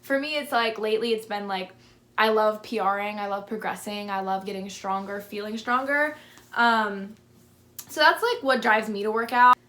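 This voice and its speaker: Speaking at normal speed in a medium-pitched, slightly bright voice, a lisping fitness vlogger in her twenties answers viewers' questions on camera. Her delivery is casual and chatty, heavy with "like".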